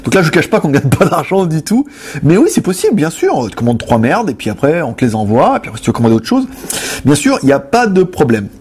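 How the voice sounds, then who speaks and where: Husky-voiced joking male host. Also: a little high, wildly swooping pitch, fast talker, a little mellow. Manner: joking, loose and rambling. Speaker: host answering viewer questions. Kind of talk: casual chat.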